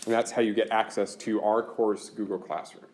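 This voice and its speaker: In this classroom lecture, a university instructor walks students through course logistics step by step, keeping it practical and chatty. His voice sits on the low side with a darkish tone, and he speaks at a normal speed in a flat delivery.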